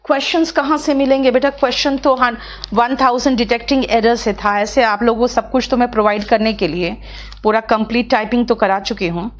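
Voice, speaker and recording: A woman with an Indian accent teaching English in Hindi in a live online class, patient with students, reading example sentences slowly. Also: a little high, fairly even intonation.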